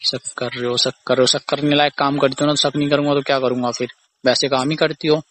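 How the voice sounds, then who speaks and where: A man's voice: mid-range voice, flat delivery, fast, fairly bright tone, a little hiss or hum. A young man arguing casually in an accusing, repetitive, aggrieved way on a phone call recording. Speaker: boyfriend or husband on a phone call. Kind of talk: casual argumentative phone conversation.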